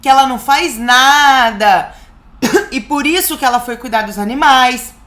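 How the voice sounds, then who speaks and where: A woman's voice: high-pitched, a little slow, a bit bright. A woman recapping a reality show in a casual, gossipy way, with sarcastic asides. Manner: gossipy and sarcastic, quoting people in a mocking tone.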